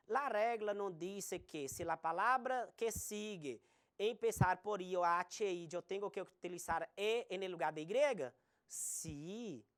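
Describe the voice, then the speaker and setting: A woman teaching a recorded Spanish grammar lesson, slowly spelling out examples. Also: mid-range voice. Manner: slow, deliberate explanation with spelled-out examples.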